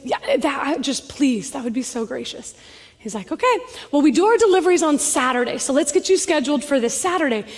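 A woman pastor preaching a sermon to her congregation and telling a story in a lively way. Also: high voice. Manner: storytelling, animated. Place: large church hall. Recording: long reverb of a church hall.

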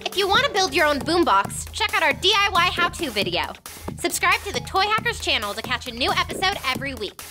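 Very high, take-charge cartoon girl. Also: big pitch swings, a little fast, over music. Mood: upbeat. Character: bossy, excitable girl toy, take-charge leader. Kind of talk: scripted toy animation voice acting.

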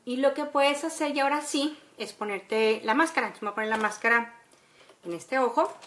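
This makeup tutorial comes from a woman in her forties with a Mexican accent, filming in a room at home beside a window. Her voice is fairly high, a bit bright and fairly quick, and she chats instructively while often checking in with her audience.

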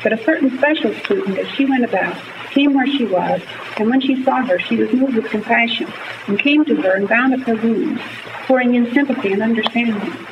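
A young woman student reading aloud for a class with careful, measured elocution, played back from an old gramophone disc. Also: fairly high pitch. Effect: played from an old 1939 gramophone disc. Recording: noisy, muffled old disc recording from far off.

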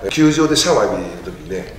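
A man talks fast and with lively swings of pitch, acting out the voices of the people in his stories. He sits a little back from the microphone, and the room rings with heavy echo. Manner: lively anecdotes, acting out others' lines, laughing often. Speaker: guest, retired baseball player. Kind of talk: casual chat, animated storytelling. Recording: very echoey room, voice a bit far from mic.

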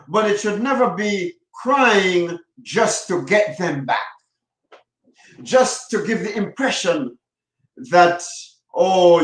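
A man speaking as a marriage coach, giving advice in an emphatic way and repeating his key phrases with slow, drawn-out stress. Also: high voice. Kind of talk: advice talk to camera. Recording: echoey room.

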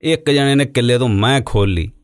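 He reads a novel in a steady storytelling manner, a man's mid-pitched voice. The studio sound is close and dry. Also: a little fast, no echo. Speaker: audiobook narrator. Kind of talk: scripted narration.

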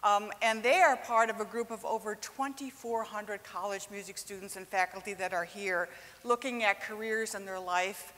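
A woman in her sixties hosts a live event on a large indoor stage, talking into a handheld mic in an upbeat, chatty way. Her voice sits in the mid-range with a fairly bright tone, picked up by a stage mic in a big hall.

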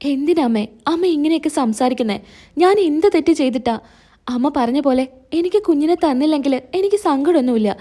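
A woman voicing a gentle young wife who speaks in a soft, pleading, hurt way in a retold serial story. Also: high-pitched, lively intonation, fairly quick.

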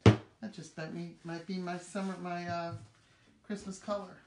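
Her lowish voice barely moves in pitch and runs a little slow as this middle-aged woman hosts a live craft demonstration. Working at a craft room table, she keeps up cheerful, chatty talk. The audio has echo and clear background noise.

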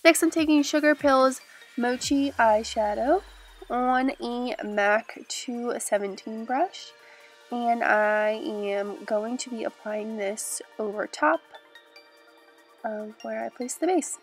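In a small room with a glitter backdrop, a young woman who vlogs about beauty walks viewers through a makeup tutorial step by step, chatty and upbeat despite a cold that leaves her voice stuffy and nasal. She speaks slowly at a fairly high pitch, with faint music behind her.

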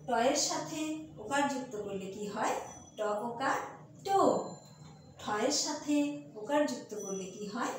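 A woman teacher leading a children's spelling lesson, drilling sounds slowly in a sing-song way and asking the children questions. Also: sits high, animated. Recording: roomy echo, from a distance, faint noise.

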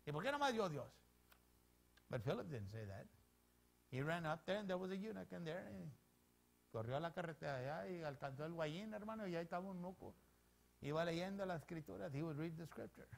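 A pastor with a high, gravelly voice preaches an animated bilingual sermon in a church, switching between English and Spanish. He repeats each point in both languages and calls the congregation "hermano."

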